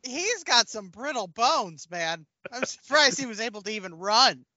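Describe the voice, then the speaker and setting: Female co-host, jokey and dry, high voice, dull lo-fi sound. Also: animated, moderate pace, pushed and bright, no room sound. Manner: joking, dry asides. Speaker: podcast co-host. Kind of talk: casual chat reviewing a film.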